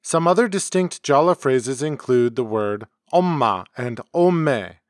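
A man hosting a homemade podcast, reading a scripted lesson in a measured, explanatory way. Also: mid-range voice, dry recording, studio quality. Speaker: podcast host. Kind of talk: scripted educational narration. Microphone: close home mic.

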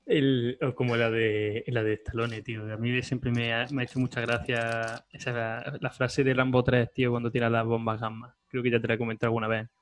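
A man's voice: medium pitch, little pitch movement, a little fast, hardly any pauses, dry recording. A man in casual film chat, chatty and laughing as he retells movie lines.

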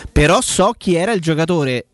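A man's voice: fairly high pitch, animated, moderate pace, a bit bright, dry recording. A man co-hosting casual radio banter, insistent and repeating himself. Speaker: radio co-host.

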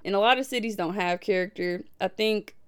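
A woman in her twenties from Milwaukee, hosting a podcast in a casual, animated way and laughing often. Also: medium pitch, brisk, smooth. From Milwaukee, USA. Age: 20s. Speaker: podcast host. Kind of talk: casual reflective podcast talk.

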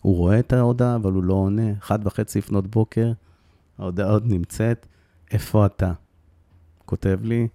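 A middle-aged man telling, with deep emotion, the story of losing his son, often repeating phrases for emphasis. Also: fairly even intonation, warm tone, no room sound. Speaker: guest, bereaved father.

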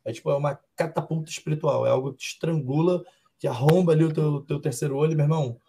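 A young man with a Brazilian accent answers interview questions at an unhurried pace. His voice sits a little higher than most men's, and he talks in a calm, reflective way, musing aloud as he speaks. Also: creaky, breathy edge. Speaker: MMA fighter guest.

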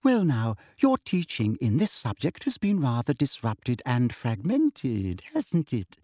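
A prim middle-aged witch teacher, put on by a male narrator, all syrup and condescension in a storybook reading. Her voice swoops wildly up and down with a breathy, husky edge. She drags out each phrase as if talking to small children, in a dry, close sound. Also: mid-range voice, wildly swooping pitch, mellow, no echo, exaggerated voice. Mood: sugary, patronizing. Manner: sweet, sing-song, condescending, slow drawn-out phrases. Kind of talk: audiobook character voice.

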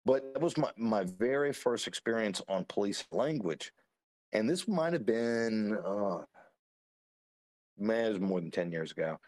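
Guy with a low voice rambling thru stories, chuckles a lot, dry close sound. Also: lively intonation, measured pace, darkish tone, no room sound. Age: adult. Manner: rambling, chuckling storyteller with many fillers. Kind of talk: casual chat.

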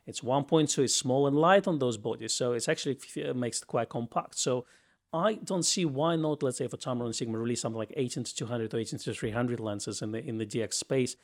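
Relaxed male podcast co-host. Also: medium pitch. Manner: relaxed, joking, slightly halting. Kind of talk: casual news chat.

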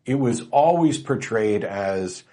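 Low-voiced man hosting a call-in show. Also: takes it slowly. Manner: wry, relaxed storytelling with frequent fillers; grows emphatic and lively when arguing. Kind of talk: casual call-in talk.

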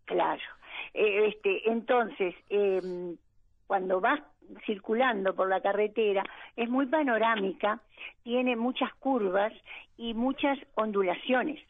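A woman's voice: medium pitch, slow pace, dry recording. A woman talking over a crackly phone line with interference, hesitant with many filler words, as a business founder in a phone interview. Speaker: founder of a family food business.

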